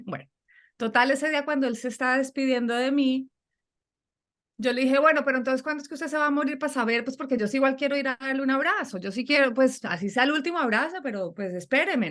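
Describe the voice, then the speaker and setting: A middle-aged woman telling a personal story in conversation, animated and acting out the voices she quotes. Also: a little high. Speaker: guest.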